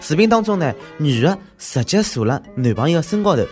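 A man with a Shanghainese accent hosts a comic news show over music. His voice sits fairly high and swings widely in pitch. His delivery is exclamatory and mocking, full of slang. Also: sing-song, brisk, a little mellow.

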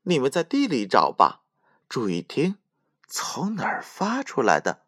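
A man's voice: medium pitch, wildly swooping pitch, unhurried, fairly bright tone, dry recording, clean studio sound, voice pushed up, full character voice. A man voicing a tiny, thumb-sized boy who is clever, playful and teasing in a storybook reading.

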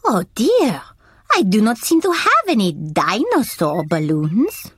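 A woman's voice: mid-range voice, wildly swooping pitch, slow, husky, full character voice. A woman voicing a polite, refined cartoon gazelle lady with a gracious manner.

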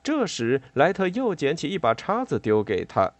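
A man narrating a children's storybook with an expressive, animated delivery. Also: fairly high pitch, normal speed, dry recording. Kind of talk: audiobook storytelling.

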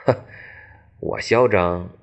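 A man's voice: sits low, takes it slowly. A man voicing a cocky, scornful young male martial artist who taunts his opponent. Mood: dismissive. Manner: taunting, dismissive.

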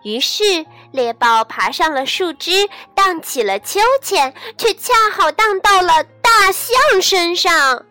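A woman telling a bedtime story to children in a gentle, sing-song, soothing manner. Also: very high voice, lively intonation, slow pace, few pauses, dry recording. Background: soft background music.

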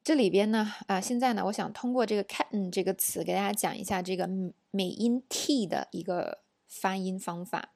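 A woman teaching English pronunciation in an audio lesson, explaining slowly and saying each example word several times. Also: medium pitch, creaky, a little mellow, no echo, clean studio sound.

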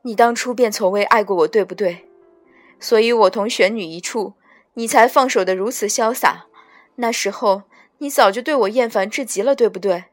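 A woman voicing a remorseful male ghost king, halting and bitter. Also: medium pitch, dry recording, soft background music, lightly acted.

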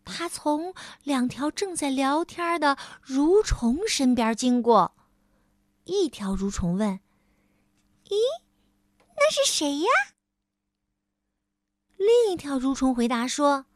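Female storyteller, slow, animated delivery for kids, dry booth sound. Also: high-pitched, dry recording. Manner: lively, with many drawn-out fillers in character lines. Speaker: children's storyteller. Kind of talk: storybook reading for children.

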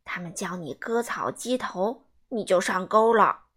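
A woman voicing a kind, wise old grandmother in a storybook reading, with a lower, gentle and patient voice. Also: lively intonation, a little slow, breathy edge. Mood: playful.

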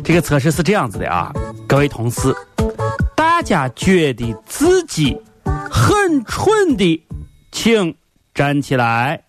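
A man's voice: mid-range voice, big pitch swings, moderate pace. An actor with a Shaanxi accent playing a talkative, fussy male boss in a comedy sketch, rambling and repeating exclamations. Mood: jovial, self-important. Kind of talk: comedy sketch dialogue in dialect. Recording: music playing behind the voice.

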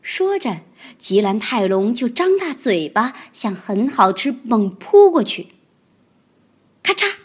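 A woman reading a children's picture book aloud, with expressive storytelling. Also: on the high side, unhurried, slightly rough.

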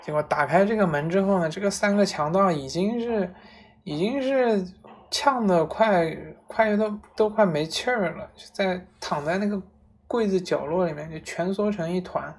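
A woman casually retelling a story aloud, relaxed, with frequent fillers and restarts. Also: medium pitch, normal speed.

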